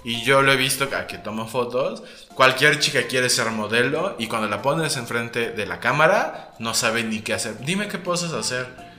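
A man with a Mexican accent interviewing a guest in a relaxed chat, talking loosely with many fillers and acting out what others say. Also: mid-range voice, moderate pace. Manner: chatty, full of fillers, acts out quotes. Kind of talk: casual conversational interview. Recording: roomy echo.

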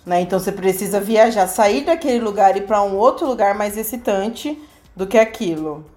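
A woman's voice: medium pitch, expressive, a little fast, darkish tone. A woman co-hosting a podcast, chatting casually and retelling stories with lots of laughter. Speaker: podcast co-host. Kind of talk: casual chat.

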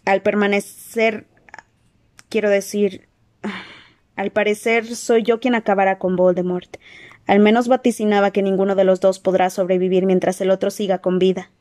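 Harry, una narradora dando voz a chico serio y sereno. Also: female voice, mid-range voice, flat delivery, lightly acted. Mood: serious. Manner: quiet, earnest, measured. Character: teenage wizard boy, earnest and burdened. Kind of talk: audiobook character voice.

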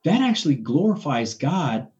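A man's voice: a little high, sing-song, moderate pace, darkish tone, highs cut off. A man in his forties talking about faith in a casual conversation, enthusiastic and preacherly, often repeating words as he builds a point. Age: 40s.

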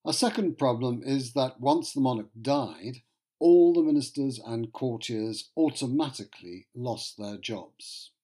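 A man's voice: medium pitch, dark tone. A man narrating history from a script, in a wry, conversational storytelling manner with joking asides.

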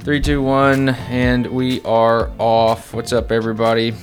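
A man's voice: mid-range voice, monotone, measured pace, soft background music. A man hosting a casual podcast interview, laid-back and rambling with many fillers. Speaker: podcast host.

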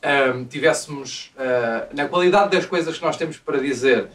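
A young man with a European Portuguese accent, co-hosting a podcast and announcing a break in halting speech full of fillers. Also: medium pitch, a bit bright. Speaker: podcast co-host. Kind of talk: casual chat among friends. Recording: distant mic with light noise.

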